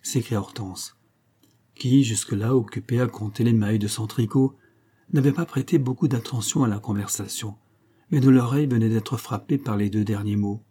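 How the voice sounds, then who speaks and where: Man reading a classic novel, mellow husky voice. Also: fairly low pitch. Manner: measured, literary delivery. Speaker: audiobook narrator. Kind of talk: scripted narration of a classic novel.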